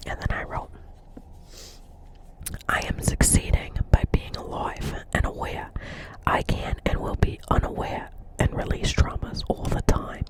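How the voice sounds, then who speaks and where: The audio quality is poor, and the whispered delivery is unhurried as the speaker portrays a New Jersey-accented receptionist at a doctor's office. Chatty and dreamy, she rambles earnestly, echoes her own phrases, and checks on the listener often.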